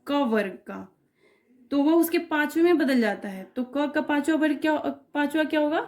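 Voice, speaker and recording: A woman's voice: sits high, expressive, normal speed, darkish tone. A woman teaching a grammar lesson for exam students, patiently explaining step by step and checking that the class follows. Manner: patient, repeats checks like "clear?" and "okay".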